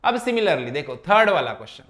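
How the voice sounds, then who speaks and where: A male math teacher, walking his class through each step of the problems. His voice sits high for a man and has a bright, forceful edge. He keeps stopping to check that students follow. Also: big pitch swings, quick pace. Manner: keeps asking checking questions. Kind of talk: classroom lesson explanation.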